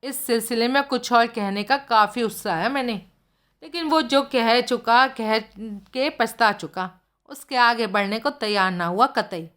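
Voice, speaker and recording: A woman's voice: a little high, measured pace, a bit bright. A woman voicing a blunt, streetwise middle-aged male informant who tells gossip in slangy speech. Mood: gossipy.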